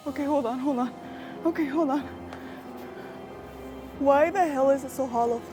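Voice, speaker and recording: A woman's voice: sits high, unhurried, music in the background. A young woman vlogging in her garden, talking to viewers in a jumpy, anxious way and repeating herself. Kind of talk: casual vlog talking to viewers. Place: outdoor home garden.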